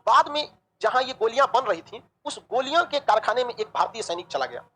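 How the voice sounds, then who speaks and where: A woman teaching a history class, lively and joking, asking the class questions and answering them herself. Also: on the high side, brisk, slightly rough, poor audio. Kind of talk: online class lecture.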